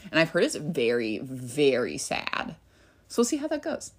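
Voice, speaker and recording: A young woman co-hosting a casual book podcast, chatty and quick to laugh. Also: very deep voice, wildly swooping pitch, husky. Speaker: podcast co-host. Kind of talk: casual chat about books.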